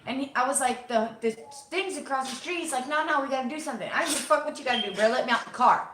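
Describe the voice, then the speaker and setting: A young adult woman from Florida telling a story in casual chat, animated, cursing freely and acting out the voices of the people in it. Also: sits high, rapid-fire, a little hiss or hum. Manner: animated, swears freely, acts out quoted voices. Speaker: co-host. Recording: roomy echo.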